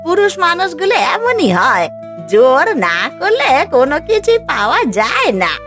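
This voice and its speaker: Cartoon: woman voicing a showy village wife, high and very animated, bragging. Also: moderate pace, exaggerated voice. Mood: persuasive. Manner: bragging, lively and persuasive. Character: boastful young village wife showing off gold. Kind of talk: cartoon voice acting. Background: background music.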